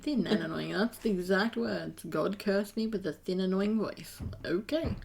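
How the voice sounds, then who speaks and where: Gravelly Australian woman hosting a stream. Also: mid-range voice, normal speed, darkish tone. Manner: joking, self-mocking. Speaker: stream host. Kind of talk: casual stream chat.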